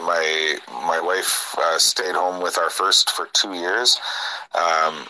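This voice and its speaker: A middle-aged man with a low voice and a bright, forceful edge. He co-hosts a political talk show and lays out his views earnestly and with conviction, sighing between his points. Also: poor audio. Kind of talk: casual political chat.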